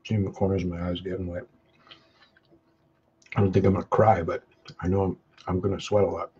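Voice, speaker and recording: This Canadian hot sauce vlogger sounds warm and slightly rough, talking fairly quickly with a flat delivery. He's casually chatting on a live webcam stream while eating spicy pizza, humming and chewing between short remarks and sweating from the peppers. Webcam mic audio is dull and low-fi, with faint noise.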